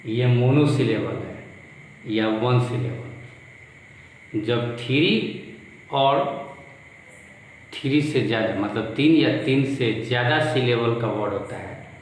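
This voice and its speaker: A male school teacher with a north Indian accent, giving a classroom grammar lesson and slowly repeating each word form in a drill. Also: mid-range voice. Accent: Hindi-speaking north Indian. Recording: very echoey room with long reverb, faint noise.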